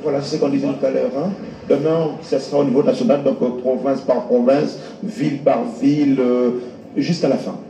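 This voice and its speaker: A man's voice: mid-range voice, fairly even intonation, normal speed, warm tone, reverberant, distant mic, poor audio. A man reporting live on election results, hesitant with many fillers. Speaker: news reporter.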